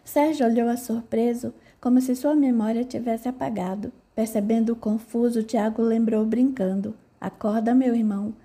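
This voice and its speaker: A woman reading an audiobook novel aloud, narrating and speaking every character's lines in a measured, even manner. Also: a little high, husky.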